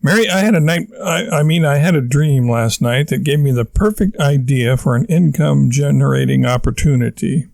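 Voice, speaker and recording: A man voicing a pompous, excitable middle-aged husband who declaims grandly in a dry, close sound. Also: on the high side, moderate pace, vocal fry, few pauses, dry recording. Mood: eager. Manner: indignant, declaiming, self-important.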